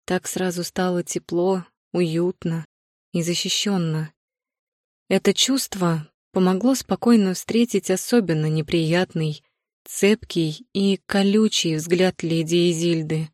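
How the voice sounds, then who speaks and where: A woman with a fairly low voice reads a first-person fantasy audiobook. Her delivery stays composed and even. The recording is dry and close, with no room sound. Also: slow, dry recording. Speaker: audiobook narrator.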